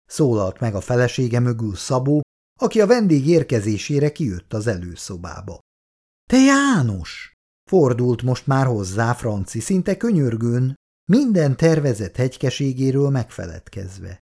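A man reading a story aloud in a measured, expressive way. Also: mid-range voice, breathy edge. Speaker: narrator. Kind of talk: storytelling narration.

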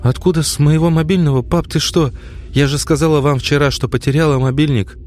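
A man voicing a frantic young woman hunting for her missing son, pleading and close to shouting in an audiobook. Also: on the high side, fairly even intonation, a little fast, faint music behind, voice pushed up, close to an everyday voice. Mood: desperate. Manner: pleading, strained, on the edge of shouting. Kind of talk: audiobook character voice.

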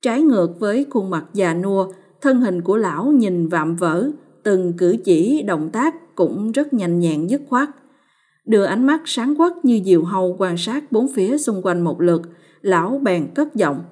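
A woman narrating a ghost story as a storyteller, in a measured, solemn way. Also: mid-range voice, lively intonation, a little mellow, slightly rough.

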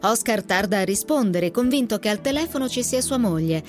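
A woman radio presenter giving a measured, scripted introduction to a novel. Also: mid-range voice, lively intonation, faint music behind. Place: radio studio.

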